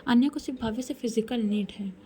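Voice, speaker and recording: A woman storyteller narrating a romance story in a soft, conversational way. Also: on the high side, fast talker, slight background noise. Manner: soft, conversational storytelling with English words mixed in.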